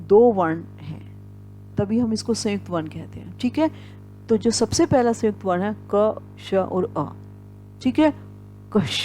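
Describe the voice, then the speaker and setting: A woman's voice: mid-range voice, warm tone. A woman teaching Hindi pronunciation, saying each sound and example word several times over and checking in often. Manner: frequent "ठीक है" check-ins. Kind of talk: pronunciation lesson.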